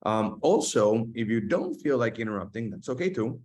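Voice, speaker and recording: A man's voice: medium pitch, big pitch swings, normal speed, darkish tone. A man hosting an online webinar from an office, talking with many fillers and restarts. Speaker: host. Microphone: video call.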